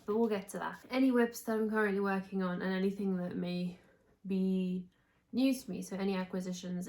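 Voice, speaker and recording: In a casual to-camera chat for her knitting podcast, a young woman from England sounds hoarse and nasal from recent sickness. Her voice is medium-pitched with a darkish tone, and she rambles, often restarting what she says.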